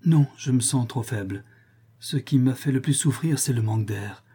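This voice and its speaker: A man's voice: medium pitch, normal speed, dark tone, breathy edge, lightly acted. A man voicing a weakened young man in an audiobook, speaking faintly and fervently after nearly suffocating. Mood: weak.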